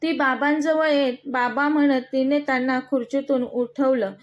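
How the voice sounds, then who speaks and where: A woman narrating a dramatic romance story with an expressive, steady reading. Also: high-pitched, normal speed.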